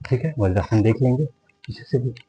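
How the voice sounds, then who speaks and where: A man's voice: medium pitch, expressive, normal speed, highs cut off, a little hiss or hum. A man teaching yoga, counting breaths and reassuring his viewers to go easy and rest when tired. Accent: Hindi. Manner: addresses viewers as friends repeatedly, counts breaths; reassuring, tells listeners to rest and not strain. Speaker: yoga instructor. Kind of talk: guided yoga class instruction.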